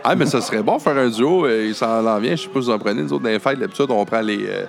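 A man's voice: medium pitch, fast, creaky, soft background music. A man with a Quebec French accent hosting a very informal, joking conversation in colloquial language. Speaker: interviewer, host. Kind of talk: casual chat.

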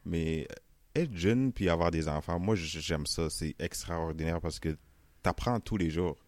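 A young man from Senegal with a Senegalese French accent softened by Canadian French, chatting easily in an interview and laughing often. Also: sits low, a little slow, no room sound. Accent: Senegalese French, softened toward Canadian French. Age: young adult. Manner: relaxed, chatty, laughs often, many "euh" and "tu sais". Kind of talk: casual interview.

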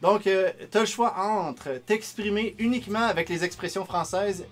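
A man's voice: sits high, moderate pace. A man with a Québécois accent, hosting a casual comedic chat show, playful and joking, with music behind. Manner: playful, joking, laughs often. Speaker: podcast host and game co-creator.

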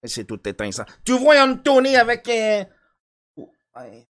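A man in casual banter, talking in a halting, repetitive way. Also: very high voice, wildly swooping pitch, a bit bright.

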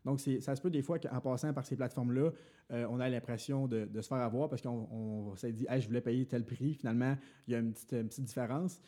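Young Quebec French male podcast co-host, warm low timbre, rambling casual explainer full of fillers. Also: steady tone, quick pace. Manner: explains at length with many fillers and restarts. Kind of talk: casual finance podcast talk.

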